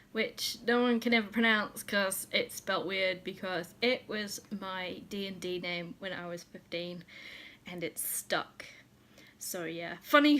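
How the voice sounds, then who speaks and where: Giggly, bright-voiced New Zealand woman. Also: mid-range voice. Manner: giggly, tipsy and chatty with frequent laughs and swearing. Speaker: vlogger. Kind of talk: casual chat.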